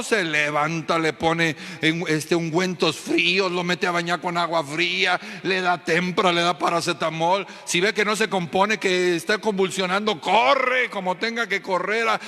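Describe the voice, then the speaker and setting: A Mexican pastor delivers a fervent sermon, often turning to the congregation with questions. His voice sits high and sounds sharp and bright. The long echo of a church hall rings around it. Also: vocal fry.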